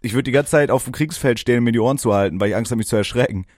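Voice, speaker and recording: A man's voice: mid-range voice, rapid-fire, darkish tone, no room sound. A young man co-hosting a podcast, joking crudely and teasing his friend in casual chat. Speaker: podcast co-host.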